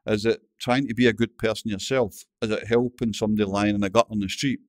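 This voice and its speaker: A man's voice: fairly low pitch, steady tone, fast talker, dry recording, clean studio sound. Older Glaswegian man, mumbling storyteller. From Scotland. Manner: mumbling, swears freely, tells anecdotes. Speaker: guest. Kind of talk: casual interview chat.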